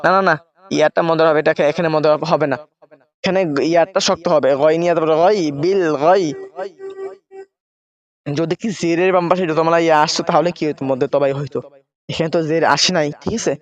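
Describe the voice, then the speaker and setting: Man, Quran teacher, fairly high voice, spells letters one by one, keeps asking "right?", dull lo-fi sound. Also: steady tone, a little fast. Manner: spells out letters and vowel marks, checks in with "right?". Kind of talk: step-by-step Quran reading lesson.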